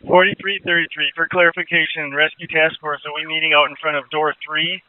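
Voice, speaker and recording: A police officer calling in over a walkie-talkie, clipped, loud and urgent, using terse call signs. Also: male voice, a little high, little pitch movement, fairly quick, smooth, dry recording. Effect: heard over a police walkie-talkie. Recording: tinny radio transmission.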